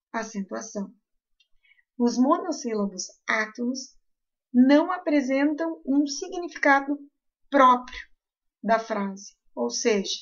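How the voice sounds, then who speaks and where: Southern Brazilian woman, teacher. Careful, deliberate explanation, a touch high. Slightly muffled recording. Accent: southern Brazilian Portuguese. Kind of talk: recorded grammar lesson.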